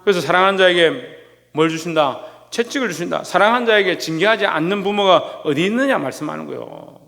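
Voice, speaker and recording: Male pastor, higher-pitched voice, preaching; rhetorical questions, long church reverb. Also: animated, brisk, creaky, fairly bright tone. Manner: rhetorical questions, calls on listeners by name. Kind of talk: sermon. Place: church sanctuary.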